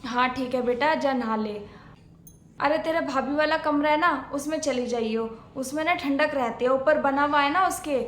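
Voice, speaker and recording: A woman playing a gentle, soft-spoken older mother who calms and mildly scolds her daughter. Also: high voice, normal speed, slight background noise. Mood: soothing. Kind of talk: homemade family skit acting. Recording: echoey room.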